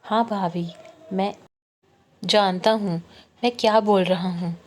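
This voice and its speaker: A woman's voice: medium pitch, a little slow, dark tone, natural voice. A woman voicing a tearful pleading young man. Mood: remorseful. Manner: pleading, choked with tears.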